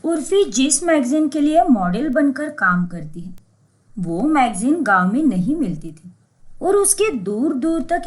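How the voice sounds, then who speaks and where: A woman telling a scripted cartoon story. She reads slowly, her voice pitched a little high. Her pitch moves lively and animated through every sentence.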